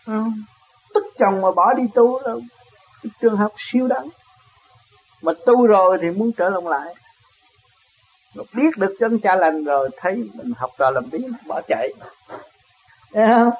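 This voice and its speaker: Southern vietnamese man giving a dharma talk, high voice, a bit husky, keeps asking "see?" and chuckling. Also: expressive, measured pace, long pauses, low-quality recording. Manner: chuckles often, asks rhetorical questions. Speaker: spiritual teacher. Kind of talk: dharma talk answering a question.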